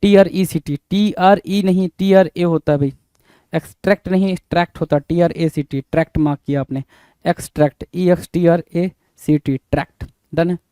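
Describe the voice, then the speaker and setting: A man's voice: a little high, steady tone, moderate pace, warm tone, clean tone, dry recording. A man teaching an exam-prep spelling lesson, spelling each word out letter by letter and repeating it several times.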